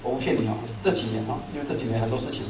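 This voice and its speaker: A middle-aged man preaching a sermon to a congregation, telling stories in an animated, self-mocking way. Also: medium pitch, rapid-fire, over a noisy crowd. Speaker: pastor. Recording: echoey hall, speaker far from mic.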